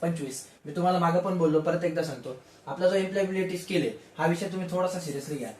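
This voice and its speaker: A man's voice: high-pitched, a little mellow, a little hiss or hum. A man teaching an exam-prep lesson, asking questions and answering them himself. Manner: explains slowly with everyday examples. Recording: roomy, distant mic.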